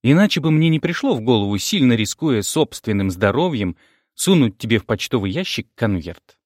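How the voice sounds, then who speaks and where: A man reading an audiobook, voicing a calm, firm woman boss. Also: medium pitch, fairly quick, no echo, studio quality. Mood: cool.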